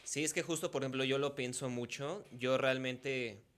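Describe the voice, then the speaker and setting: A man's voice: medium pitch, steady tone, moderate pace, fairly bright tone. A man, hosting a casual interview podcast. He speaks in a thoughtful, articulate way and weighs his points. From Mexico. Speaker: podcast host.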